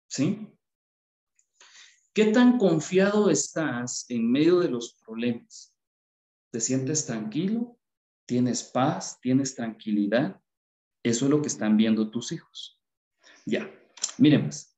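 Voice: mid-range voice, mellow, echoey room. A speaker gives a parenting workshop talk with a Bible reading and keeps putting rhetorical questions to the listener.

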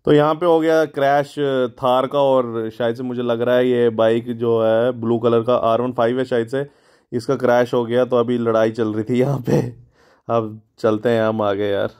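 A man with a medium-pitched, somewhat dark voice talks at a moderate pace in a level tone. He's a motovlogger riding a motorbike on the road, rambling and thinking aloud in casual vlog chat. A phone mounted on the bike records him.

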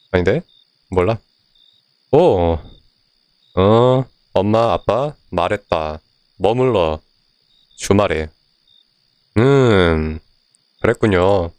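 Guy playing a game and talking the whole way, kinda low voice, reads the text out, yells and swears now and then. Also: lively intonation, slow pace, long pauses, clean tone, no room sound. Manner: reads game text aloud and translates it, chatty, swears and shouts. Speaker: game streamer. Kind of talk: casual let's-play commentary.

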